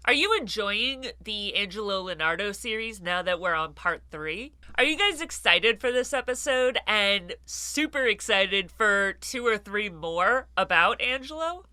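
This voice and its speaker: Congested woman with a bright, nasal voice. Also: mid-range voice, expressive, a little slow, few pauses, smooth, no room sound. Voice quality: congested, blocked-nose nasal sound. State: sick with a stuffed nose. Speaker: host of a true-crime gangster show. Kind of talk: casual true-crime video narration.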